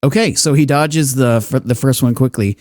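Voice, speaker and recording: Man as game master: middle-pitched, dry and close, easygoing narration with frequent laughs. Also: normal speed, darkish tone, dry recording. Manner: casual, laughs often, trails off with fillers.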